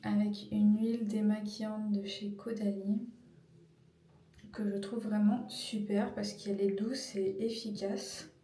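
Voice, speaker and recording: A woman's voice: medium pitch, little pitch movement, a little slow, dark tone, slight background noise. A woman in her thirties giving a casual skincare tutorial, hesitant and full of fillers as she searches for words. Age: 30s. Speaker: beauty vlogger. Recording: echoey room, mic at a distance, music behind.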